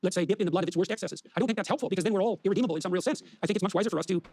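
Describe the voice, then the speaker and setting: Guy on a stage panel, high gravelly voice, talks real fast, lecturing tone. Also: darkish tone, no echo. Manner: measured, lecturing. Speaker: panel guest. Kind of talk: stage discussion.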